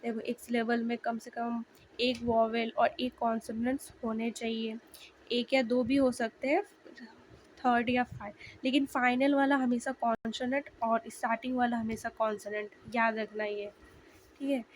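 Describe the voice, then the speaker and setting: A young woman talks straight to her viewers in a relaxed, chatty way, walking them through her study notes. Her voice is fairly high and a little hoarse. She sounds out letters slowly, and faint noise sits behind her. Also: low-quality recording. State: slightly hoarse. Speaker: language learner sharing notes. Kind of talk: casual video lesson.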